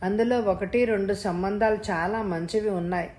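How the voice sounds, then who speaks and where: A woman reading the lines of a hesitant, pushy widowed brother-in-law in a family novel, in a halting, pleading way. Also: mid-range voice, steady tone, darkish tone, natural voice. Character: grieving widower brother-in-law, man, middle-aged, pushy.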